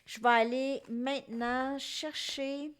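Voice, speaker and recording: A middle-aged woman with a Québécois French accent, giving a tarot reading to her viewers in an unhurried, musing way and speaking straight to them. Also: high voice, fairly even intonation, clean tone. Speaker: tarot reader.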